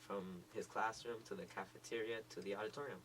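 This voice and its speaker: A man's voice: fairly low pitch, steady tone, fast, a bit bright, a little hiss or hum, rough recording. A teenage boy, a student rapper, talking casually in a radio interview and saying "like" constantly.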